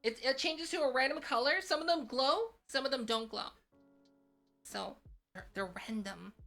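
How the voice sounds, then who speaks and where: A woman's voice: high-pitched, normal speed, vocal fry, pushed and bright, faint music behind. A woman chatting casually as a virtual streamer on a live stream, with a cute, bubbly anime-streamer delivery. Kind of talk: casual livestream chat.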